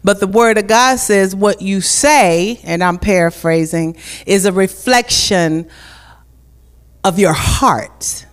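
A woman's voice: mid-range voice, slow. A woman preaching as a guest speaker in a church at a pulpit microphone, praying and leading call-and-response, repeating key phrases for emphasis. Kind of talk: church sermon with prayer. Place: church sanctuary.

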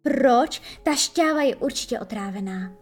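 A woman voicing a tiny, anxious female fairy with a thin, tinkling little voice, crying out urgently. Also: a little high. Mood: alarmed. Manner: urgent, excited cries.

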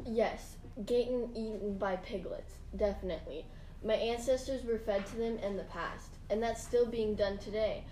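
A woman's voice: medium pitch, moderate pace, warm tone, a little hiss or hum, lightly acted, rough recording. A woman voicing an earnest, proud male rutabaga in a mock interview, giving matter-of-fact scripted answers. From Sweden. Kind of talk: mock interview role-play.

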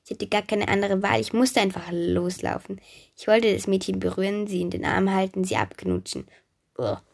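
Woman telling a lively storybook tale, gravelly. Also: mid-range voice, a little fast. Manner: lively, chatty, speaks straight to the listener. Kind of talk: first-person storybook narration as a god.

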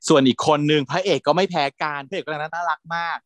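Chatty guy with a kinda high voice gushing about shows, dry close sound. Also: steady tone, fast talker, no room sound. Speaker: podcast co-host. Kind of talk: casual chat about TV series.

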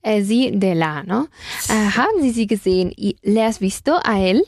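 A woman's voice: mid-range voice, animated, unhurried, darkish tone, dry recording, studio quality. A woman teaching German in Spanish, patiently repeating phrases and correcting her student. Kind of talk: language lesson in Spanish.

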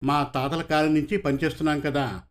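A poor, unschooled farmhand and father speaks humbly and pleads with his master, as a male reader voices him. His voice is slightly high and plain, the way a storyteller does a simple village man. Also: little pitch movement, a little fast, lightly acted. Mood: gruff.

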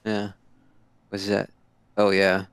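Deep gravelly man, dry close sound. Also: no room sound. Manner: relaxed, joking, quick to correct. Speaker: podcast co-host. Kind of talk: casual chat.

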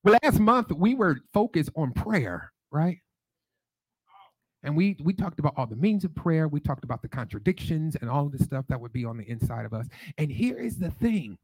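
A man's voice: a little high, big pitch swings, normal speed, slightly rough, dry recording, rough recording. A man with a Detroit accent preaching a sermon, leading call-and-response and telling stories. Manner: sings prayer lines, then teaches with call-and-response and storytelling.

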